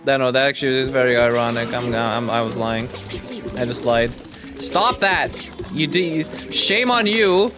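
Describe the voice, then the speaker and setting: A man gives casual commentary as a gaming video host. His mid-range voice rambles in a joking, self-mocking way, with game music clearly audible behind it. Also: medium pitch, moderate pace.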